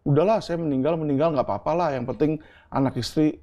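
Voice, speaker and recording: Middle-aged guy from indonesia, mellow warm tone, earnest, keeps going "right?". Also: on the high side, quick pace. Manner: earnest, explains with homely examples and asks "ya kan?". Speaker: interview guest. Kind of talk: candid interview answers.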